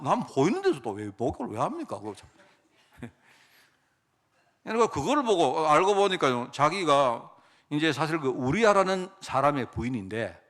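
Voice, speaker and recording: A middle-aged male pastor preaches a sermon in an easy, chatty storytelling way. His voice sits a little high for a man and rises and falls a great deal as he acts out little bits of dialogue. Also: fairly bright tone.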